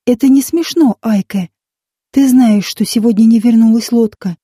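A woman's voice: fairly high pitch, moderate pace, breathy edge, dry recording, studio quality. A woman voicing a carefree young aunt who teases the boy, then turns stern and scolding. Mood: serious. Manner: teasing, then sharp and scolding.

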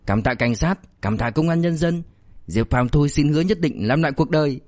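A man voicing a fat, shameless buddy who whines and begs in a voice pitched a little above his usual tone. He wheedles and makes excuses, cheeky even when cornered, in a dry, close recording. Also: a little fast, dry recording, lightly acted. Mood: fawning. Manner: whining, pleading, cheeky. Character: fat cowardly male buddy, whiny and shameless.

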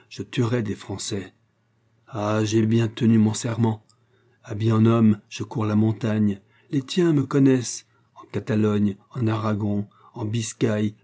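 A man's voice: on the low side, warm tone, close to an everyday voice. A man voicing a fierce young Spanish woman, a vengeful guerrilla fighter, speaking with burning hatred in an audiobook. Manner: burning, hateful, hissing delivery. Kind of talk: audiobook character voice.

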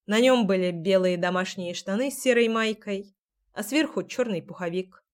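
A woman reading a first-person story aloud. Her delivery is expressive and wry, with a mid-pitched voice that leans into each line. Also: moderate pace. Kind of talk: first-person audiobook narration.

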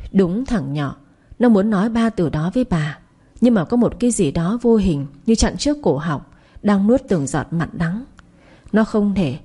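Mellow, husky woman narrating a story. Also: medium pitch. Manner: dramatic, steady narration.

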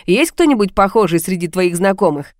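A woman's voice: mid-range voice, expressive, brisk, dry recording, studio quality, close to an everyday voice. A woman reading an audiobook, voicing a mocking, menacing male blackmailer who talks down to his victim on the phone. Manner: sneering, condescending, calls her baby.

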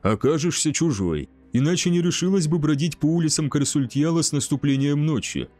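A man's voice: on the high side, animated, fairly quick, a little mellow, soft background music, close to an everyday voice. A man doing a wry young barbarian swordsman. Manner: gruff, wry. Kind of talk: audiobook character voice.

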